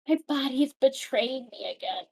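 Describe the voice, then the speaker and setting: A woman's voice: sits high, normal speed, gravelly, a little mellow, a little hiss or hum, low-quality recording. A woman co-hosting a casual podcast chat, laughing often and swearing freely. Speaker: podcast co-host.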